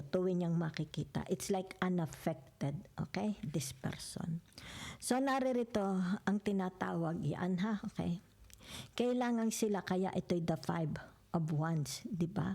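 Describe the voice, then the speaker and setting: A woman's voice: on the low side, vocal fry, mellow. A woman giving a casual tarot reading, mixing English into her talk, often asking "di ba?" and sometimes slipping into a whisper. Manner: chatty, mixes English into Tagalog, keeps checking "di ba?"; drops into whispers at times. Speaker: tarot reader.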